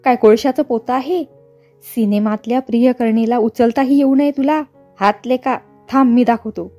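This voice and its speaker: Woman reading a cranky film director guy yelling at everybody, storybook style, kinda husky. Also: very high-pitched, normal speed, soft background music. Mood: yelling angrily. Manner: shouting, scolding. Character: hot-tempered middle-aged male film director.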